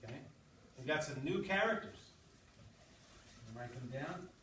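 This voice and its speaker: Reading aloud to his sixth-grade English class, a man adds running commentary and frequently asks pupils quick questions. He sounds animated at medium pitch and talks a little slowly. Picked up from a distance, the recording is roomy and noisy.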